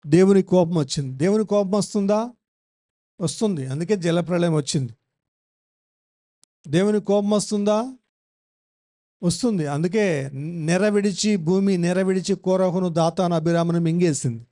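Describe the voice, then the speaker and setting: A man's voice: sits high, moderate pace, long pauses, dark tone. A male pastor giving a Bible-study sermon, emphatic, repeating phrases and putting questions to the congregation.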